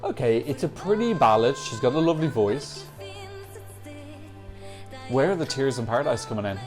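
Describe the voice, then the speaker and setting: A man with an animated, darkish mid-range voice speaks at a normal pace while reacting to Eurovision songs, whose faint music can be heard behind him. His commentary is talkative and full of opinions, with frequent self-corrections.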